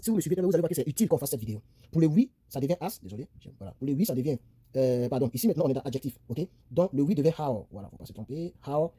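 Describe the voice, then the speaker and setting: A man's voice: medium pitch, warm tone, slightly rough, no echo. A man teaching English grammar in a chatty, repetitive way, narrating as he writes on a tablet and correcting himself as he goes. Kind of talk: casual screen-recorded lesson.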